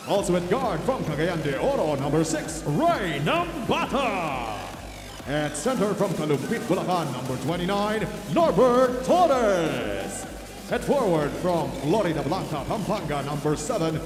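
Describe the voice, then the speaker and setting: Male arena announcer for lineup introductions: high-pitched, stretched-out calls, long PA reverb over music. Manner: draws out and belts players' names. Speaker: stadium announcer. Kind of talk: echoing stadium announcing of team lineups.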